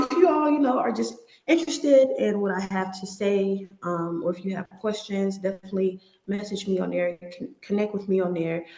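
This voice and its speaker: A young woman chatting casually as a podcast guest, her voice echoing around an empty apartment room. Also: medium pitch. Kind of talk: casual conversational interview. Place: empty, newly moved-into apartment.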